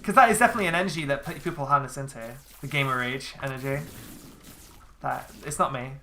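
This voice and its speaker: Bright-voiced chatty woman streamer. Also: extremely low pitch, fast talker, slight background noise. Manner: chatty, swears freely, lots of fillers. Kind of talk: casual chat while gaming.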